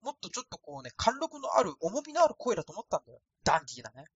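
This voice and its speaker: Rambling Osaka man with a thin, husky voice. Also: high voice, wildly swooping pitch, rapid-fire, lo-fi sound. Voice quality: thin, light voice. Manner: rambling, self-deprecating and casual. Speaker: podcast host. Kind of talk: solo podcast monologue. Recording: dry, no added echo.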